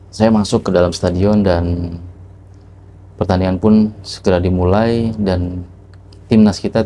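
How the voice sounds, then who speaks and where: A man's voice: low voice, dark tone, slight background noise. A man telling a reflective motivational story to the camera, asking rhetorical questions as he goes. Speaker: vlogger.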